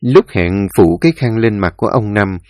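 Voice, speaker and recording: A man reading a story in a solemn, expressive way. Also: fairly low pitch, moderate pace, no echo, clean studio sound. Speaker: narrator. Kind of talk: scripted story narration.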